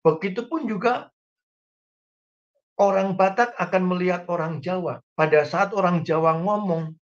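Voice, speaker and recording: Male pastor delivering a sermon, slightly high voice, folksy asides, recorded on muffled lo-fi audio. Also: unhurried. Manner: addresses congregation directly, folksy humorous examples. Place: church online service.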